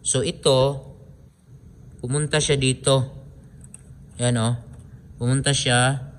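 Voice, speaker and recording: A man with a Filipino accent hosts an informal DIY electronics tutorial, walking through a hands-on wiring demonstration step by step. His medium-pitched voice stays fairly flat as he takes it slowly, often repeating himself and using lots of pointing phrases. There's slight background noise.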